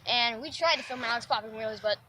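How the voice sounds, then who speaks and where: A woman's voice: a little high, fast talker, noisy background. A woman vlogging casually outdoors at night, sounding tired and breathless as she jokes while riding. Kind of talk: casual vlog chat.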